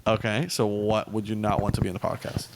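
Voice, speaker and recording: A man in his twenties co-hosting a podcast, talking in an animated, rambling, jokey way. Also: fairly low pitch, fast talker, background noise. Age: 20s. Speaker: podcast co-host. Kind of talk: casual chat.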